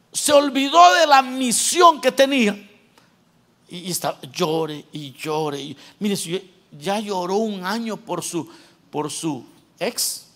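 A male pastor preaching a sermon, swinging between loud exhortation and quiet, joking asides to the congregation. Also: sits high.

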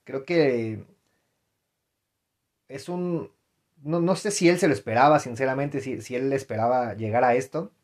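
A man's voice: mid-range voice, unhurried, pauses often, a little mellow. A young adult man with a Mexican accent talking casually on his podcast, rambling with many fillers, restarts and slang. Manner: rambling, frequent fillers and self-corrections, slangy. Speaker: podcast host. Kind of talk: casual solo podcast commentary.

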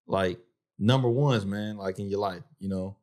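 A male podcast co-host with a slightly low voice. He talks casually and colloquially, as if to a close friend, in loose conversational slang. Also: moderate pace, a little mellow. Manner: colloquial, peppers speech with "bro" and "man". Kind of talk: casual chat.

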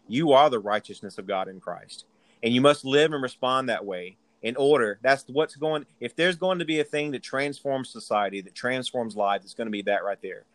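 A man's voice: mid-range voice, lively intonation, moderate pace, dry recording, rough recording. A man with a Southern US accent preaching a sermon, stressing key words and repeating phrases for emphasis. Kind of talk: sermon teaching.

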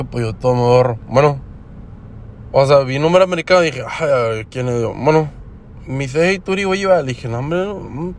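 A young man with a Mexican accent talking casually for his podcast, rambling with lots of slang and fillers. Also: medium pitch. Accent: Mexican Spanish. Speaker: podcast host. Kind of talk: casual everyday monologue. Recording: faint background noise.

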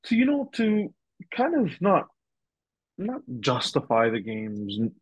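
A young man in casual podcast chat with a husky, slightly rough voice, wandering through his points and often restarting his sentences. The recording is dry and close, with no room sound. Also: fairly high pitch, huge pitch swings, slow, no room sound. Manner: rambling, heavy use of "like" and restarts. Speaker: podcast guest.

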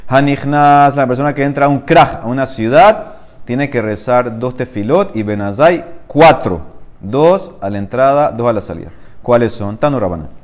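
Man teaching a Talmud class. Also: medium pitch. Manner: reads Aramaic slowly, then explains in Spanish; asks the listener questions.

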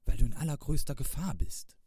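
A man voicing a worried, gentle bear in a storybook, murmuring anxiously. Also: on the high side, lively intonation, fairly quick, breathy edge, dry recording, clean studio sound, pitched above the performer's own voice.

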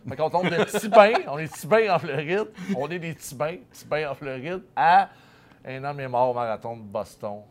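A man's voice: a little high, expressive, normal speed. A Québécois man hosting a podcast, in a loose and joking tone with many fillers. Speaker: podcast host. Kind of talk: casual podcast chat.

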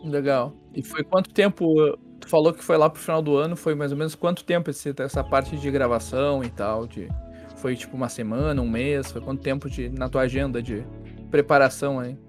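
Apresentador de podcast rápido. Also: male voice, mid-range voice, fairly even intonation, soft background music. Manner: fast, prompting follow-up questions. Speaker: podcast host. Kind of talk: casual interview questions.

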